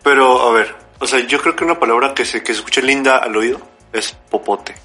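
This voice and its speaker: A man's voice: medium pitch, brisk, pushed and bright, faint music behind. A young Mexican man in casual chat, playfully musing about words and slipping into crude slang. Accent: Mexican Spanish.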